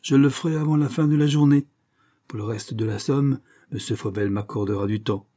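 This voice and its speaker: A man's voice: medium pitch, brisk, dark tone, close to an everyday voice. A man voicing a stern, proud aging father who speaks in a commanding, formal way.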